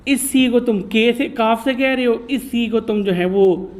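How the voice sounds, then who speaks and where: A man's voice: very high-pitched, unhurried, slight background noise. A man giving a chatty classroom lecture, teasing his students and mixing in English terms. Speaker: teacher.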